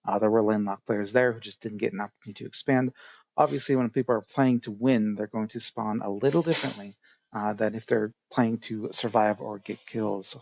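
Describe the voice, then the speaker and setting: A man's voice: fairly low pitch, fairly even intonation, brisk, gravelly, darkish tone, slight background noise. A man casting an online strategy game tournament, explaining rules with many fillers. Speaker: tournament organizer and caster. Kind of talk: casual game commentary.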